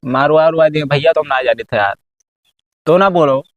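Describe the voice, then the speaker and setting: A man's voice: on the high side, moderate pace, no room sound, lo-fi sound, lightly acted. A man with an Awadhi accent playing a pushy, cajoling village go-between in an amateur comedy sketch. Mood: exasperated. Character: pushy village go-between arranging a contract killing.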